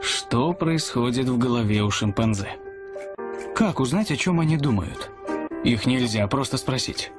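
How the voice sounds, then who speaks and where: Male documentary narrator, mid-pitched, scripted read with clear music behind. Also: animated, measured pace.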